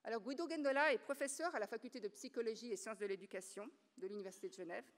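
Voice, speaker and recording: Brief: female event host, formal read-out introduction, fairly high voice, hall reverb. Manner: measured, formal, reading from notes. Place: lecture hall.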